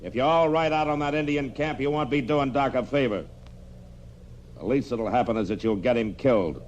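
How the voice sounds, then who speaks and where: An actor playing a grave, authoritative frontier marshal with an American accent in an old-time radio western. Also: male voice, medium pitch, brisk, a little mellow, dull audio, natural voice. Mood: commanding. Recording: noisy old radio drama recording.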